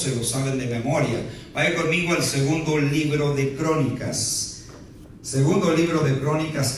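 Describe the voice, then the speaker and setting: Slight background noise accompanies a somewhat high-voiced man preaching to his flock. In the reverberant sanctuary his voice seems far away, and he keeps adding "¿verdad?" to his lines and slipping in playful jokes.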